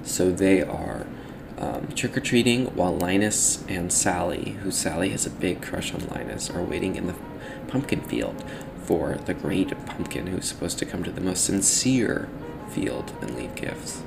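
A young man hosting a casual solo podcast, talking in a halting, rambling, self-correcting way, with a slightly metallic, robotic sound from the microphone. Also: deep voice, lively intonation, gravelly, over loud music. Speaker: podcast host.

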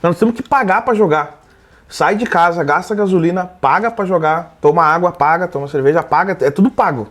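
A man, chatting casually as a guest. His voice sits a little high. He tells long stories with animation and plays out other people's lines as he goes. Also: a little fast. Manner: animated, acts out quoted dialogue. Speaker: guest, comedy video creator. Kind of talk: casual storytelling chat.

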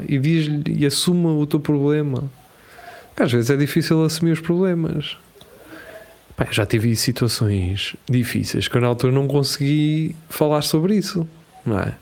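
Portuguese man, casual podcast co-host, animated and jokey, laughs a lot. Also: on the high side. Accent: European Portuguese. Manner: animated, laughing, slangy, acts out quoted voices. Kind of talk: casual chat.

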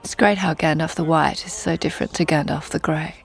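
A woman's voice: low-pitched, steady tone, a little fast, gravelly, husky, soft background music. A woman actor giving film commentary, recalling the shoot with admiration.

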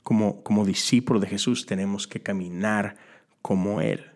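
A man's voice: lowish voice, steady tone, normal speed, a little mellow. A man gives a conversational sermon as a Methodist preacher, asking rhetorical questions and adding casual asides.

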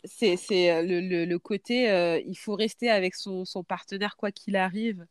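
Woman, thirties, mid-pitched, hesitant and reflective, dry close sound. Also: fairly even intonation, normal speed, smooth, no room sound. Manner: hesitant, many fillers and restarts while thinking aloud. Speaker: podcast host parent. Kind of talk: casual podcast chat.

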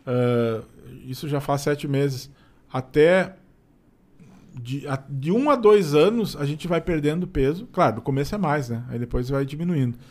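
A man's voice: on the high side, measured pace, a little mellow. A man with a southern Brazilian Portuguese accent, telling his experiences in a casual, colloquial podcast chat and acting out bits of dialogue. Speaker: podcast guest. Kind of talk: casual conversational storytelling.

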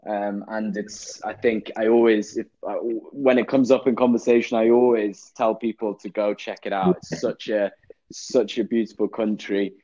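A young English man, a guest actor, chats casually in an interview with a fairly low, dry, muffled voice on a dry recording. He's relaxed but halting, repeats words and cracks dry jokes.

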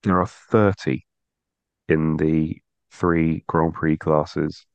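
Low gravelly man, rambling. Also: steady tone, drawn-out words, no echo, dull audio. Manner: rambling, restarts often. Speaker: podcast co-host. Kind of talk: casual chat.

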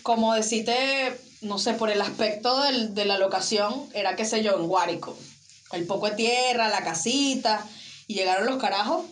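A woman's voice: medium pitch, normal speed, roomy sound, a little hiss or hum. A young woman with a Venezuelan accent, telling stories in slangy casual chat as co-host. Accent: Venezuelan Spanish. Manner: slangy storytelling, quotes voices. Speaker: podcast co-host.

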